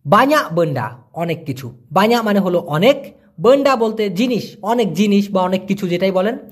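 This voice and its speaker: Man, husky voice, lively up-and-down pitch, patient casual teacher, repeats words slowly. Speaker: language teacher. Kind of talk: casual spoken language lesson.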